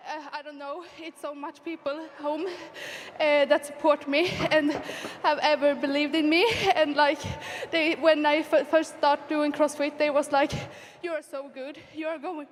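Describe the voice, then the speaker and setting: An emotional, choked-up woman athlete speaking non-native English, haltingly and with nervous laughter, in an interview. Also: high voice, level tone. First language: not English. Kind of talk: emotional post-event interview. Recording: reverberant noisy hall.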